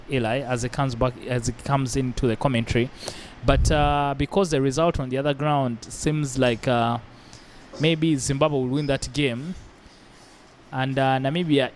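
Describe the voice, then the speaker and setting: A man's voice: medium pitch, slight background noise. A man doing live cricket commentary, talking conversationally with some fillers.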